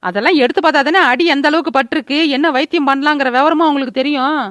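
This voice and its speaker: A woman's voice: sits high, rapid-fire, a bit bright, no room sound, clean studio sound. A woman voicing a cartoon character, brash and teasing. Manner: brash, teasing, reassuring banter. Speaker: cartoon voice-over.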